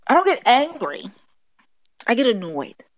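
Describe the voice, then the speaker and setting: A woman's voice: a little high, big pitch swings, a little slow, dry recording, low-quality recording. A woman in her twenties, the host's daughter, speaking bluntly and outspokenly in a casual interview. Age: 20s.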